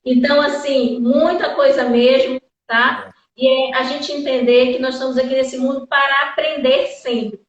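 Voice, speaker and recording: Woman hosting a live chat, pretty high voice, gushing and rambly, echoey, kinda far off and muffled. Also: level tone, normal speed. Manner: effusive, thankful, rambling. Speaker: live-stream host. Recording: echoey, distant, dull sound.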